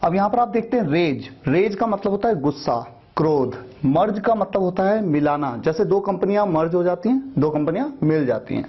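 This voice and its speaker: A man teaching English pronunciation, patiently explaining and repeating example sounds slowly. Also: high-pitched, animated, slightly rough, dull audio. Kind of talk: spoken language lesson.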